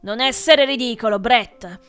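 A woman reading aloud and voicing a stern male schoolteacher who shouts and scolds. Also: high-pitched, lively intonation, normal speed, clean tone, faint music behind, exaggerated voice. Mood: angry shouting. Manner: yells and scolds.

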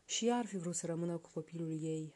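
Woman storyteller, folk tale reading, hushed and slow, low mellow voice. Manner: soft, slow, hushed narration.

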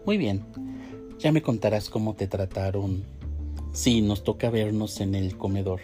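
A man's voice: fairly low pitch, measured pace, close to an everyday voice. A man voicing a confident, bossy, teasing woman nurse in a storybook reading. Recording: faint music behind.

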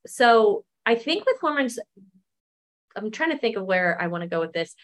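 A woman in her thirties, a wellness coach guest, explaining things in a relaxed, casual way with many fillers. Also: mid-range voice, moderate pace. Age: 30s. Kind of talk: casual interview chat.

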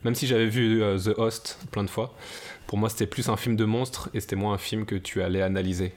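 Guy on a podcast, lowish voice, lots of euhs, thinking out loud. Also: steady tone, fairly quick. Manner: thoughtful, hesitant with many fillers. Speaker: podcast co-host. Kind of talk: casual discussion.

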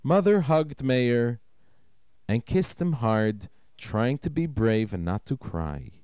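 A man who is a rabbi narrates a story in a slow, expressive, dramatic storytelling manner. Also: mid-range voice, clean tone, no echo, lo-fi sound.

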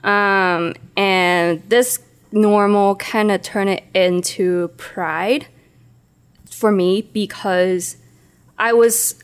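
Woman, smooth clear voice, reflective, hesitant storytelling. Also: medium pitch, steady tone, extremely slow. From Hong Kong. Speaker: podcast co-host. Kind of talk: casual podcast storytelling.

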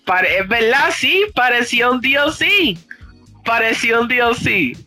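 A man's voice: extremely high pitch, expressive, a little slow, pushed and bright, faint music behind. A man chatting casually about video games, constantly mixing English phrases into his Spanish and swearing freely.

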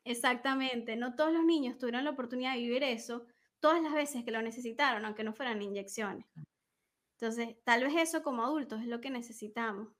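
An emotional wellness coach talks in a conversational interview, explaining ideas warmly and patiently and acting out little examples of what a parent might say. Her voice is fairly high-pitched and fairly quick.

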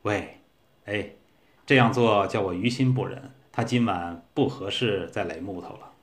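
A man voicing an anxious, soft-hearted young man in a storybook reading, speaking in a soft, pleading way. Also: lowish voice, measured pace, close to an everyday voice. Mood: worried.

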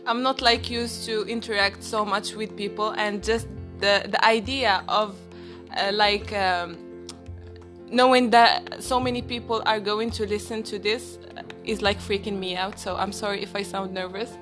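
A shy young woman from Morocco introduces herself haltingly, sounding nervous. She speaks at a middle pitch, and music plays clearly under her voice. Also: steady tone, fairly bright tone. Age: late teens. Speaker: podcast guest. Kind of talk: casual chat.

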